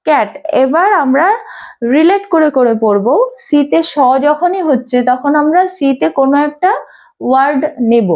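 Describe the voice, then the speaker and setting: This is a low-fidelity, rough recording of a woman whose high voice has a slightly mellow quality. She's an English teacher leading a small class through pronunciation in a room with a board, patiently saying each sound over and over.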